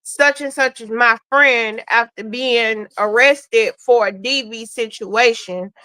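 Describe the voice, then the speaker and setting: A woman's voice: a little high, takes it slowly, pushed and bright, clear, resonant tone, dry recording, low-quality recording. A woman co-hosting a livestream, firm and insistent, restarting her sentences as she pushes her point. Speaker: podcast co-host. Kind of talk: heated livestream discussion.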